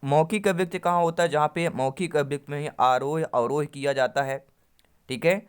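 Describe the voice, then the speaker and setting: Speaking briskly in a fairly high, smooth and clear voice, a male teacher gives an exam-prep lesson. He reads each Sanskrit option aloud, explains it in Hindi, and addresses viewers as friends while testing them with questions.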